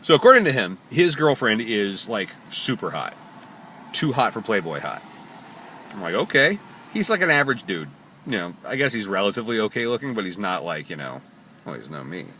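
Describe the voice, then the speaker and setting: A taxi driver tells stories from his parked cab, chatty and jokey, full of fillers and asides. His bright, forward voice swoops up and down lively as he rambles. A faint hum runs behind him. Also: lowish voice, a little fast. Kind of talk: casual storytelling vlog. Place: parked taxi in a parking lot.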